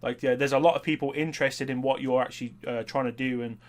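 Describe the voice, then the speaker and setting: Matey man with mid-pitched voice. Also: steady tone, quick pace. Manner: matey, encouraging. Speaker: interviewer and channel host. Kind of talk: casual interview chat.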